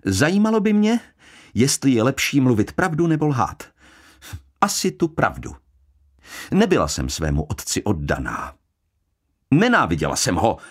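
A man with a medium-pitched, very animated voice plays a bitter young woman, a scornful daughter. She speaks coldly, sharply and piercingly, full of contempt.

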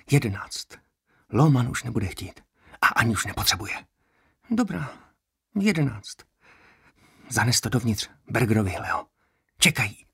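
A plaintive, fretful prisoner who complains about every bite and coin, as a male narrator puts him on. The voice rides up high and loud against a gravelly, husky base. It sounds close and dry, like a storybook reading. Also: dry recording, exaggerated voice. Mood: grumbling. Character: whining anxious man prisoner haggler.

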